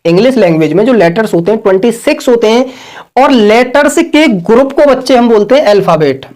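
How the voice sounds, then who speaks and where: A man's voice: very high-pitched, animated, a little fast, a little mellow. Guy teaching grammar online, repeats everything over and over, stretches out the words he's correcting. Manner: repetitive and drilling, calls listeners "sir" and "brother".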